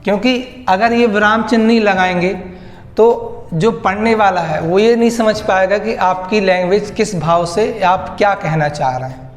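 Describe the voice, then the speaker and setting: A man's voice: sits high, moderate pace. A man teaching a grammar lesson to students, repeating key words back as questions. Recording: echoey room with faint music.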